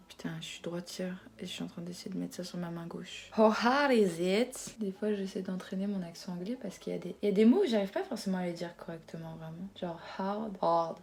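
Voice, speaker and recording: Woman in her 20s vlogging, kinda low voice, frank and chatty, swears a bit, lots of ums, phone mic. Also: dark tone. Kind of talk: casual confessional vlog chat. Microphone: phone camera.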